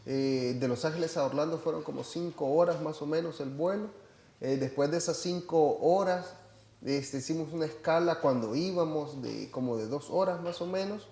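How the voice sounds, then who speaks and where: A man's voice: on the high side, normal speed, vocal fry, mellow, reverberant. A Salvadoran man with a hesitant manner and lots of fillers, chatting about a church trip. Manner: hesitant, many fillers and restarts. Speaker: church member reporting on a trip. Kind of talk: casual chat.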